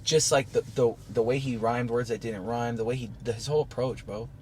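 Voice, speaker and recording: Animated swearing man on a noisy podcast. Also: medium pitch, brisk. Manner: animated, emphatic, swears a lot, says bro often. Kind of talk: casual chat.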